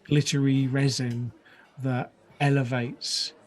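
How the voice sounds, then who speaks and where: A man's voice: mid-range voice, level tone, takes it slowly. A man co-hosting a podcast in a casual, reflective chat, laughing often. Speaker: podcast co-host.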